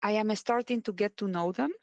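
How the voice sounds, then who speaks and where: A woman with a Spanish accent, Spanish native, co-hosting a live stream in relaxed chat and often pausing to find words. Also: medium pitch, no room sound, lo-fi sound. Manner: relaxed, searching for words, frequent "eh" fillers. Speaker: co-host.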